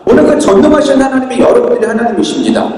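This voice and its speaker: A man's voice: very high-pitched, very fast, darkish tone. A man preaching a sermon as pastor, emphatic, repeating rhetorical questions to the congregation. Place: large church hall. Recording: echoey church hall from far off.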